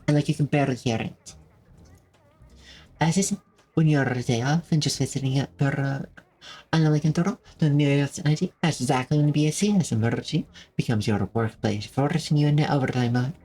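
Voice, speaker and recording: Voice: medium pitch, a little fast, dark tone, husky. A streamer in casual live-stream chat, talking to viewers in a rambling, friendly way with lots of fillers and restarts, at a desk mic in a home setup. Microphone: desk microphone with noise filters.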